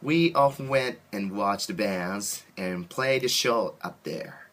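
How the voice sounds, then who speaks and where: Speaking with a Japanese accent, this band musician from Japan responds to an interviewer in basic, hesitant phrasing typical of a second language. He has a lowish voice with a fairly bright tone.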